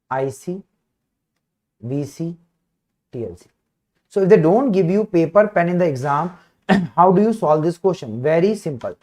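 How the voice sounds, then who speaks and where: A man with a north Indian accent and a slightly high voice teaches an informal online class. He repeats key phrases and keeps checking in with his students, often clearing his throat as he goes. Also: a little mellow. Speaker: medical teacher. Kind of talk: informal live online lecture.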